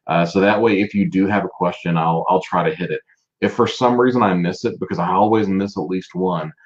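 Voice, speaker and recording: A man's voice: deep voice, highs cut off. A man hosting a casual live stream, chatting and greeting viewers by name as he presents. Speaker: livestream host presenting a business.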